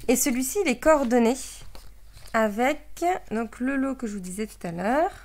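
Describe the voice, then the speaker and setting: A woman's voice: fairly high pitch, animated, normal speed. Chatty woman presenting craft products. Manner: hesitant, many filler sounds and restarts; chatty and friendly, addressing viewers directly.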